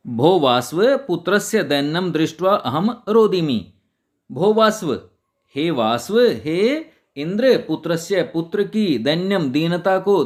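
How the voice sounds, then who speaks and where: A man teaching a Sanskrit lesson, reciting each word and then glossing it in Hindi in a patient, deliberate way. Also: a little high, darkish tone.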